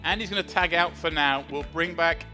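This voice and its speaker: A man with a fairly high, very bright voice calls a poker tournament live. He delivers the action in short, dramatic phrases, with music playing behind him. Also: a little fast. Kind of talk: live sports commentary.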